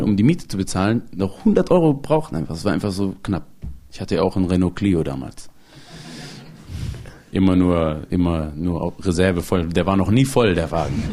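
A man, a comedian, telling a personal story in a casual interview, laughing often and acting out the people he quotes. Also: low-pitched. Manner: animated, acts out quoted people.

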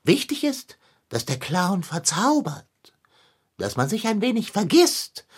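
A woman's voice: medium pitch, sing-song, measured pace, breathy edge. A woman voicing a pompous, long-winded philosopher figure in a children's radio play, speaking in a lofty, wordy manner.

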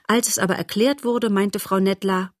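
A woman reading a children's novel aloud as narrator, in a steady, expressive storytelling manner. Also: mid-range voice, moderate pace, dry recording, studio quality.

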